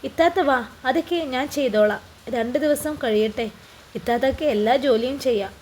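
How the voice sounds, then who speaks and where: A woman voicing a lively young sister who bosses and cares for her family in a read-aloud story. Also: a little high, slight background noise, natural voice. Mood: bossy caring. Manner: brisk, bossy.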